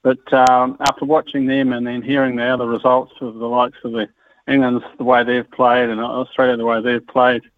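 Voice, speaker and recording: New male caller on a phone line, even and level delivery, tinny lo-fi sound, easygoing radio call-in chat. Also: mid-range voice, normal speed, no echo. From New Zealand. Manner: relaxed, says mate often. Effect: heard over the phone line.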